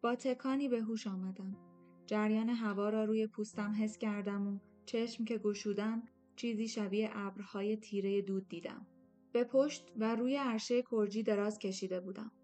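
A woman reading a novel aloud in the first person, in a measured, steady storytelling voice. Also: medium pitch, soft background music. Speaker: audiobook narrator.

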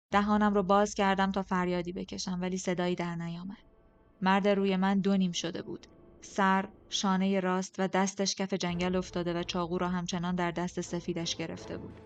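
A woman reading a first-person fantasy novel aloud as audiobook narrator, steady and dramatic, on a dull lo-fi recording. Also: medium pitch, no room sound.

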